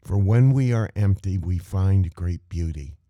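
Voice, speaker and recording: Slow, low-voiced man giving a meditation talk. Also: dark tone, no room sound. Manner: measured, asks rhetorical questions. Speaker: meditation teacher. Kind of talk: contemplative spiritual talk.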